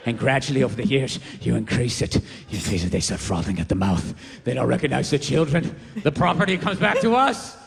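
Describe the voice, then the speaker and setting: Deep-voiced sinister transatlantic elite. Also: male voice, expressive, creaky. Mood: gloating. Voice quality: slow, gloating, villainous purr. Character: sinister elite old-money man plotting at a table. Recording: reverberant stand-up hall, faint ambience.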